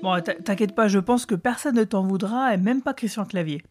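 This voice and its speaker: A podcast host talking casually about a TV series, relaxed and chatty. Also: mid-range voice, a little fast, music in the background.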